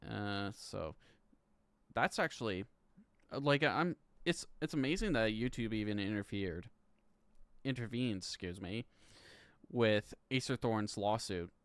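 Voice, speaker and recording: Man, 30s, live streamer, rambling casual talk, swears, low smooth voice, dry close sound. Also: lively intonation, a bit bright, dry recording. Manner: rambling, swears often, laughs between lines, reads court text aloud haltingly. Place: home room.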